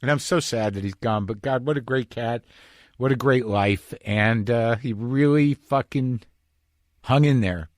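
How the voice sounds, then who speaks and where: A man's voice: medium pitch, a little slow, no room sound. Middle-aged guy rambling through a personal story on his podcast, dead dry sound. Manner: rambling, confessional storytelling with many restarts. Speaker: podcast host. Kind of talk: casual monologue. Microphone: podcast microphone.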